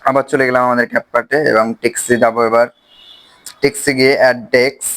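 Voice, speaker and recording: A man with a Bangladeshi Bengali accent, casually explaining a phone video-editing app step by step, with pauses as he clicks. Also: medium pitch, level tone, fairly bright tone. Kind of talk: screen-recorded software tutorial.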